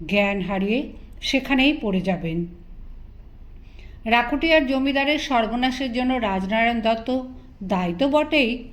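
A woman storyteller narrates a novel in a measured, expressive reading. Her voice sits somewhat high for a woman, and she keeps a steady storytelling delivery.

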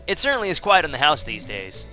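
A man's voice: on the high side, wildly swooping pitch, fast talker, pushed and bright, lo-fi sound, soft background music, heavily acted. A man reading out a grieving mother's lines from a video game in his own plain voice. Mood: wistful.

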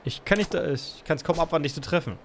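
A man's voice: fairly high pitch, gravelly, slight background noise, voice pushed up. Lonely lady's message, read by a man. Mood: hopeful. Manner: reads the message aloud haltingly. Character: lonely young woman writing a hopeful message.

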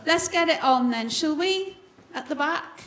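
A woman's voice: high voice, expressive, a little slow, very noisy. A woman leading a church service, encouraging the congregation and praying aloud. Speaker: children's worship leader. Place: church hall.

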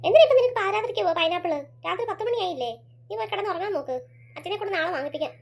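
A woman's voice: very high voice, racing, gravelly, heavy background noise. A woman voicing a young mother in a cartoon, urgent and scolding. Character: caring young mother of the family. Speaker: cartoon character.

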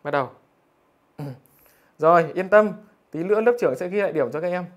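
A man's voice: sits high, fairly quick. A male math teacher, reading out students' scores in a live online lesson in a teasing, jokey way. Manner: teasing, jokey, keeps asking "được chưa?".

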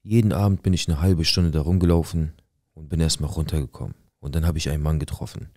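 Male storyteller, first-person dramatic retelling; very low, husky voice, dry close recording, faint music bed. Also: steady tone, quick pace, darkish tone, no room sound. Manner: dramatic retelling acting out dialogue.

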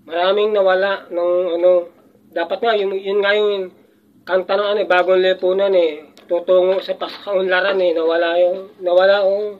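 An older man in casual chat, rambling and reminiscing with chuckles and frequent restarts. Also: sits high. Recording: muffled lo-fi audio.

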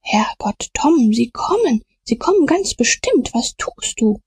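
A woman voicing a fearful rough country boy who speaks in hushed, clipped colloquial phrases. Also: a little high, big pitch swings, unhurried, dry recording, pitched above the performer's own voice, heavily acted.

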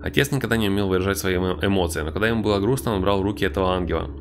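A man's voice: deep voice, racing, over music. A man giving casual, wry commentary on a horror game playthrough, with mock-tough banter. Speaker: game streamer.

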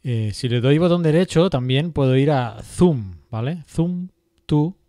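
A man from teaching GIS software in a screen-recorded tutorial, thinking aloud with many fillers and checking in with "¿vale?" as he clicks along. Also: medium pitch, expressive, normal speed, no room sound, clean studio sound. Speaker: GIS instructor.

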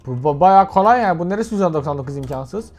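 A young man giving casual let's-play commentary while gaming, excitable and prone to sudden yelps. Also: fairly high pitch, fast, faint music behind. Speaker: gaming YouTuber.

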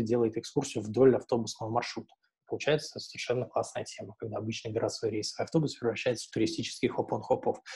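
Speaking through a wired earphone headset on a video call, a thirties-aged man gives an informal, explanatory webinar for a travel audio guide platform. He sits indoors at home or in an office, and his mid-range voice is dark and slightly rough.

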